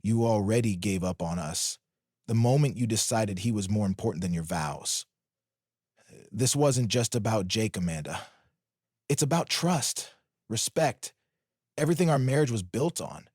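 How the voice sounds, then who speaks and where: A man's voice: fairly low pitch, expressive, normal speed, breathy edge, dry recording, clean studio sound. A man playing a cold betrayed husband. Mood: cold bitter. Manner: quiet, cold, bitter.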